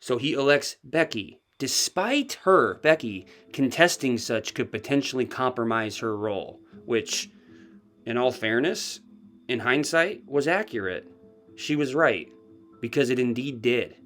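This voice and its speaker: A man's voice: mid-range voice, expressive, unhurried, a bit bright, faint music behind. A man delivering scripted true crime commentary, pressing skeptical questions with pointed emphasis.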